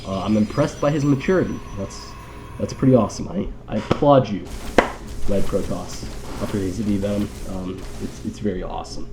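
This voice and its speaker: Music plays behind a man on the low side who talks at normal speed, giving laid-back live game commentary. Allergies leave his voice nasal and congested, and he drifts into wry, joking, rambling tangents.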